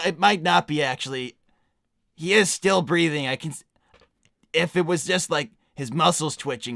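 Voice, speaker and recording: A man's voice: on the high side, vocal fry, a bit bright, no echo, studio quality. A man voicing an anxious, well-meaning young hedgehog hero in improvised livestream roleplay, hesitant and stammering as he rambles reassurances. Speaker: livestream performer answering donor messages.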